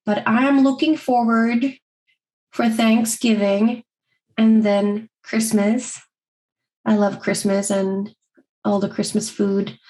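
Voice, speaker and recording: A young adult woman co-hosting a podcast, talking fast and a little mumbled in casual, self-deprecating chat. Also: on the high side, little pitch movement, a little mellow, low-quality recording. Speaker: podcast co-host.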